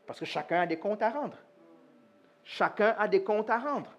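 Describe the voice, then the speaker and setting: A man's voice: high-pitched, moderate pace. A man preaching a sermon as pastor, talking straight to the congregation, asking them questions and acting out short dialogues. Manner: animated, asks the congregation questions; acts out little dialogues in voices. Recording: live church sermon.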